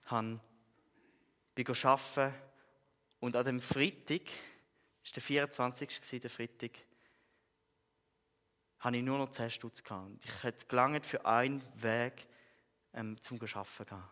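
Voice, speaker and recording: A young man with a Swiss German accent giving an earnest church testimony, telling his story with soft chuckles and emphatic bursts. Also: medium pitch, steady tone, normal speed, long pauses. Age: young adult. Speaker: speaker giving a personal testimony. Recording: long reverb of a large hall.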